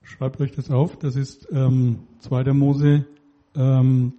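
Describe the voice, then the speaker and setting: A man interpreting a sermon live, following the preacher closely with small hesitations and reading scripture passages slowly. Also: mid-range voice, little pitch movement, mellow, lo-fi sound.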